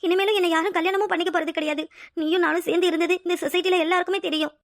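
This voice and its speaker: A woman's voice: extremely high pitch, fairly even intonation, very fast, no echo, studio quality. Woman voicing a heartbroken abandoned young woman. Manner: pleading, tearful. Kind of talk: cartoon voice acting.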